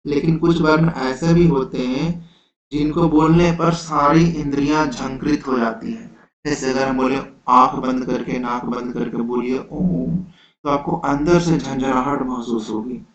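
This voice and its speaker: A man teaching an exam-prep lecture, explaining slowly and patiently, checking in with his students again and again. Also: medium pitch, fairly even intonation. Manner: slow, repetitive explaining with frequent "theek hai". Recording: roomy, dull lo-fi sound.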